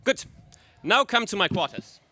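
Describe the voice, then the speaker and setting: A man plays a brave, commanding prince of a space radio serial. He speaks formally and declaims with a piercingly bright, forceful tone, a little high for a man, recorded close and dry. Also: big pitch swings, normal speed, dry recording, heavily acted. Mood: noble resolve. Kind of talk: 1930s space serial radio drama acting.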